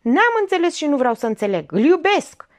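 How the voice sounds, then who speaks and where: Audiobook role: jealous young mistress, hot-tempered, high and animated, read by a woman. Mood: angry. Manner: sharp, indignant outbursts.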